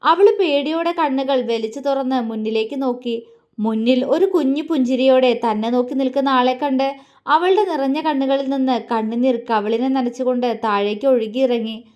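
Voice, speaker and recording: A woman's voice: high-pitched, normal speed, darkish tone. A woman reading a romantic audio story aloud as a storyteller, voicing the lovers' lines herself. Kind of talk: scripted story narration.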